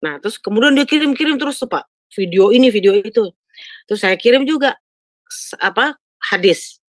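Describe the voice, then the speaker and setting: A woman's voice: a little high, expressive, fairly quick, dry recording, studio quality. An older woman telling a pastor a personal story in a chatty way, often turning to him for agreement. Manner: chatty, keeps adding "Pak, ya". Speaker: caller asking a pastor. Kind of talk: casual storytelling.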